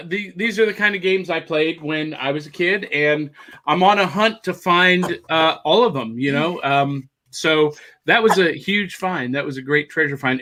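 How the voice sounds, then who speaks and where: This high-pitched man sounds pushed and bright as he co-hosts a relaxed video-call chat. He is enthusiastic and rambling, eager to show off the finds he's turned up.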